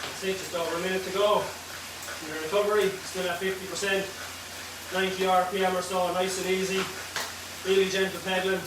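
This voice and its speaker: A man coaching an indoor cycling workout in a steady, measured cadence, giving short encouraging cues and countdowns. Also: high-pitched. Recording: echoey room, distant mic, loud background noise.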